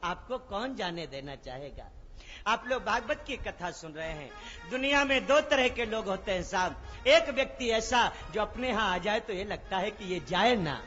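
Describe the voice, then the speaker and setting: High-voiced guy preaching, loud then soft, dull sound, music under it. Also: lively intonation, normal speed. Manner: emphatic, swings between loud exclamations and soft asides. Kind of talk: devotional sermon storytelling. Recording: dull recording with music behind.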